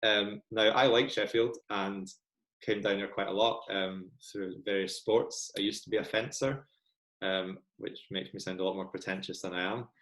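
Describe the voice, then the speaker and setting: Scottish guy chatting about footy, lowish voice, roomy echo, lots of ums. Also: fairly even intonation, moderate pace, fairly bright tone. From Scotland. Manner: chatty, self-deprecating, many ums. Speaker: guest football fan. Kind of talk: casual podcast chat.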